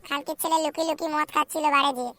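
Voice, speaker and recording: A woman voices a crude, whiny young single man for a cartoon, her pitch high, her tone sharp and even. The character rattles off rapid complaints laced with profanity.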